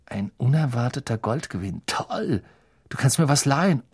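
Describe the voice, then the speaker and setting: A man's voice: medium pitch, sing-song, moderate pace, a little mellow, slightly rough. A man reading an audiobook, voicing a joking teenage schoolboy with an offhand, mocking drawl.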